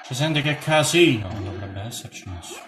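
A man's voice: medium pitch, expressive, a little fast, loud music behind the voice. A man doing let's-play commentary, joking and exclaiming as he talks back to the characters on screen. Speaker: gaming channel host. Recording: noisy home recording.

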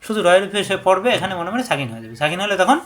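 High-voiced man teaching Quran reading. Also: big pitch swings, a bit bright. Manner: slow, repetitive drilling of syllables; explains rules step by step, addressing viewers. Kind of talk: tajweed lesson.

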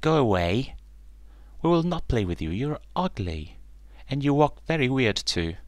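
A man voicing mean young ducklings in a storybook reading, taunting and shouting. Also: deep voice, measured pace, no room sound.

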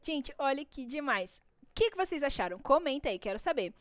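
Brazilian lady, high lively voice, chatty art stream host, kinda dull dry audio. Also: a little fast, dry recording. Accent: Brazilian Portuguese. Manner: bubbly, chatty, greets viewers by name. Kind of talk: casual live-stream chat.

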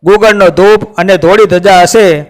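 A man narrating a devotional story in measured, unhurried telling, voicing the dialogue within it. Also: sits high, steady tone.

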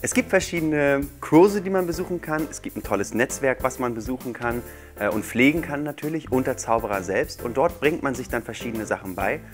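Soft music plays behind a man in his thirties whose medium-pitched voice is animated and fairly quick. Appearing as a guest magician on a small, furnished indoor TV studio set, he playfully chats to children while demonstrating tricks.

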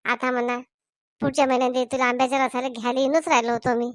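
A woman's voice: high-pitched, little pitch movement, quick pace, no room sound, pitched below the performer's own voice, natural voice. Kindly village brother, voiced by a woman, coaxing, dry close sound. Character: kindly middle-aged village man, the brother.

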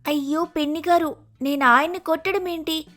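A fussy young wife in shrill falsetto. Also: male voice, steady tone, moderate pace, pushed and bright, soft background music. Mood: indignant. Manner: fretting, scolding.

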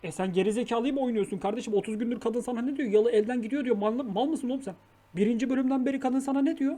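A woman's voice: a little high, racing, over loud music. A woman streamer in casual reaction commentary, exasperated, scolding the characters on screen, swearing and muttering prayers. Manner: swears and mutters prayers while she talks.

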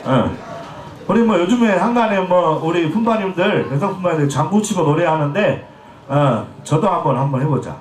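On the high side and lively in intonation, this man speaks at normal speed as he bantres comically with a festival crowd. He's a Jeolla pumba street performer in his forties with a slightly scratchy throat, heard through echoey PA sound.

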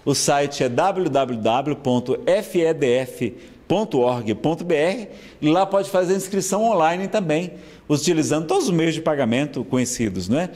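A man's voice: a little high, expressive, moderate pace, darkish tone. Earnest Brazilian man lecturing. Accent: Brazilian Portuguese. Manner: earnest, persuasive, checks in with listeners often. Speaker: spiritist speaker. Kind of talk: lecture announcement.

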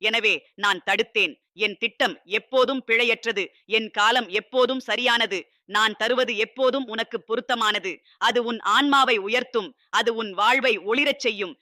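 [name], a man voicing a tender high-voiced god. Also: sharp tone, no room sound, clean studio sound, exaggerated voice. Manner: solemn, tender, repetitive reassurance. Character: loving fatherly male god addressing his child. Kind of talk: scripted devotional address.

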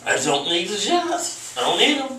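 A man's voice: sits high, big pitch swings, normal speed, distant mic, over a noisy crowd. A young man chatting casually and reluctantly while shivering from cold, teeth chattering, as he lies in a bathtub. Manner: grumbling, reluctant. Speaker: athlete taking an ice bath. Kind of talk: casual chat. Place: small bathroom, lying in a bathtub. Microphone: handheld phone camera held by someone else. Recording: echoey bathroom, off mic, background noise.

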